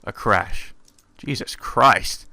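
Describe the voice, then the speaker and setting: With drawn-out words and vocal fry, a man in a medium-pitched, pushed and bright voice narrates a visual novel in a let's play. He keeps breaking away for irreverent, crude, sweary asides, and there's no echo on the recording.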